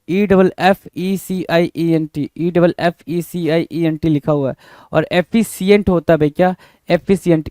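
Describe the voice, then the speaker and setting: A male teacher from India giving a spelling lesson in Hindi, repeating each word and spelling it out slowly letter by letter while talking straight to his students. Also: a little high, dark tone, no echo. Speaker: English teacher.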